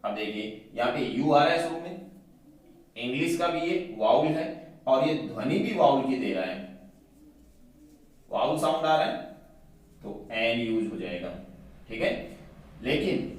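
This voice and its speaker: A man's voice: medium pitch, expressive, a little slow, pauses often. A male teacher giving a grammar lesson, explaining patiently and checking in often with his class. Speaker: English teacher. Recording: very echoey room, mic at a distance.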